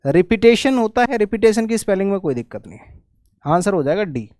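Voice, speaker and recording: A man teaching an exam spelling lesson, spelling out words letter by letter and repeating them slowly. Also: sits high, sing-song, a little mellow, dry recording, clean studio sound. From India. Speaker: English teacher.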